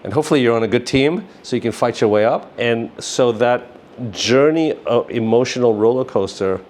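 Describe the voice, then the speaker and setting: Speaking a little fast in a medium-pitched, darkish voice, a middle-aged man who founded a business chats as an interview guest. Slight background noise is present, and his rambling talk leans heavily on fillers like "you know" and "like."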